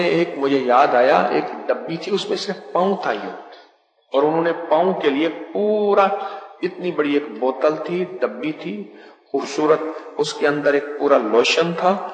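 A man preaching a sermon from the pulpit to a seated audience, lively and joking with his listeners, reciting verse along the way. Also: fairly high pitch. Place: large hall with a pulpit. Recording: echoey hall reverb.

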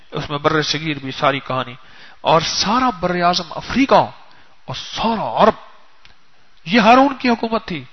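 A male preacher telling a story in a sermon, speaking straight to his listeners. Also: high voice. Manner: animated, addresses listeners directly. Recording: dull lo-fi recording.

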